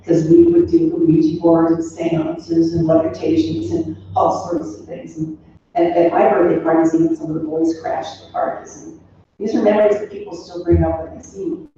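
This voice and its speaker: Speaking at normal speed in a warm, fairly low, animated voice, a woman in her sixties offers a casual eulogy as the daughter of the deceased. She drifts between anecdotes and trailing asides. The mic sits far from her in an echoey room, making the sound distant, muffled, and slightly noisy.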